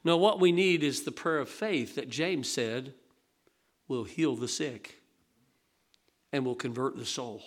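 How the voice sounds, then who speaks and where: A male pastor preaching a sermon in a church, lively and folksy, acting out the voices of people in his stories. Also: mid-range voice, measured pace, pauses often. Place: church sanctuary.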